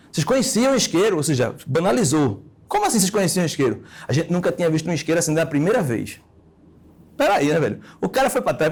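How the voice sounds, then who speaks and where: Fast, high-voiced brash lecturer. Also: male voice. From Recife, Brazil. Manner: brash, joking, slangy and emphatic. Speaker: orthodontics lecturer. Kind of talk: casual lecture with anecdotes.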